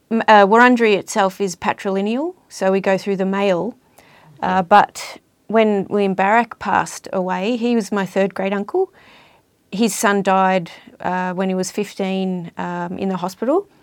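A woman's voice: mid-range voice, no room sound. Woman explaining in a dry studio. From Victoria, Australia. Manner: measured, explanatory, with fillers. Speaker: guest, language and culture worker. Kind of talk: explaining in an interview. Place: recording studio.

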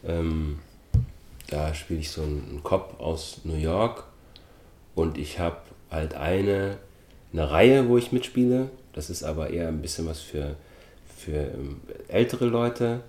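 Very deep-voiced man, thoughtful guest. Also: darkish tone, reverberant. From Austria. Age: middle-aged. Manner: thoughtful, measured, with frequent hesitation fillers. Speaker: actor, interview guest. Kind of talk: relaxed interview talk.

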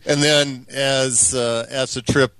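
A man talking as a podcast guest, telling lively anecdotes with plenty of fillers and restarts. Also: mid-range voice, takes it slowly, smooth, no room sound. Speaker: podcast guest, outdoor youth mentor. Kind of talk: storytelling interview talk.

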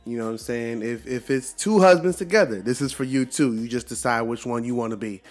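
A man's voice: mid-range voice, a little fast. An American man hosting a solo podcast in a casual, laid-back bro style, full of hip-hop slang and repeated catchphrases. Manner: laid-back, slangy, bro-like delivery peppered with "yo" and "you know what I'm saying". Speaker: podcast host.

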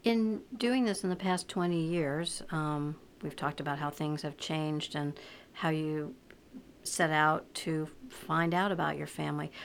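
A woman interviewer with a lowish voice asks calm, curious questions of her guest. A faint hiss sits behind her voice.

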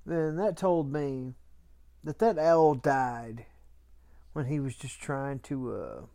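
A man with an average-pitched voice co-hosts a casual podcast. He talks in folksy, colloquial phrases, bantering and spinning small stories as he goes. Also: animated, slow pace, gravelly, mellow. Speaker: podcast co-host.

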